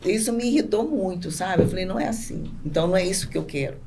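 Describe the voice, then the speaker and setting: Speaking quickly and with animation in a dark, low-ish voice, a Brazilian woman who owns a business talks as a guest on a podcast. She is conversational and emphatic, frequently repeating things to drive them home, over clear background noise.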